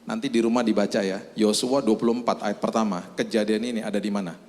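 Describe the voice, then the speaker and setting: A man's voice: fairly low pitch, fairly even intonation, fast, darkish tone. A male pastor preaching a sermon as a storyteller, addressing the congregation directly. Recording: echoey hall with faint music.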